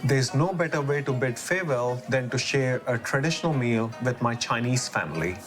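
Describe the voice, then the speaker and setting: A man narrating a travel show in a steady, upbeat voice-over. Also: medium pitch, moderate pace. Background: music.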